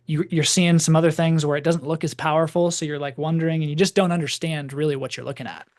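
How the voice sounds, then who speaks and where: A man with a somewhat high voice tells a story to a live audience. His delivery is loose and conversational, full of "like" and restarts. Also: fairly even intonation, fast, a little mellow. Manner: casual, rambling, heavy use of "like". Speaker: presenter.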